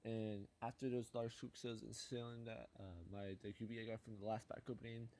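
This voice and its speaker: A man's voice: mid-range voice, flat delivery, brisk, dark tone, slight background noise. A young man hosting a gaming channel, opening card packs in casual commentary and muttering dejected complaints about his pulls.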